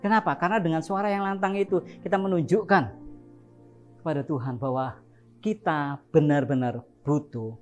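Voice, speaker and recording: A man preaching a lively, joking sermon, playfully acting out shouted prayers. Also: fairly high pitch, moderate pace, highs cut off, faint music behind. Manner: animated, jokes and laughs, acts out shouted prayers.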